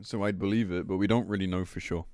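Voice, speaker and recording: A male game streamer rants casually on a livestream about the news, blunt, sweary and fed up as he reads and reacts. His voice is low and darkish, with fairly even intonation and a quick pace.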